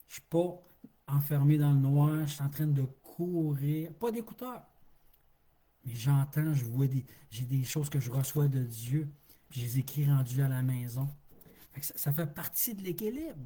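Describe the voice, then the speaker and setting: Québécois preacher man, warm husky voice. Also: on the high side. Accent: Québécois French. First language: French. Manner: folksy, laughs easily, repeats words for emphasis. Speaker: street pastor. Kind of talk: informal sermon on a live stream.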